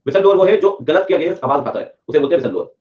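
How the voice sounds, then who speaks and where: A man's voice: on the high side, lively intonation, very fast, highs cut off. A male teacher giving a live online lecture, repeating key points and drilling students in a mix of Hindi and English. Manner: repetitive, drills points, reads student comments aloud.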